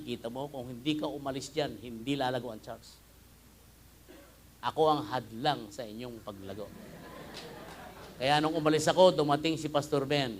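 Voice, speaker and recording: A male pastor with a Filipino accent preaching a sermon, mixing Tagalog and English, swinging from hushed prayer to loud emphatic bursts. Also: mid-range voice, a little hiss or hum. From Philippines. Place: church hall.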